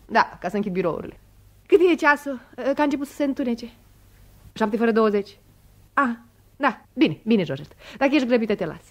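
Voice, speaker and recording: An excitable telephonist of fifty in an old 1960s radio comedy. Her voice sits high and swoops all over as she chatters and shrieks. The acting is broad and theatrical. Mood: chatty. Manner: theatrical, shrieking in fright, quick to laugh.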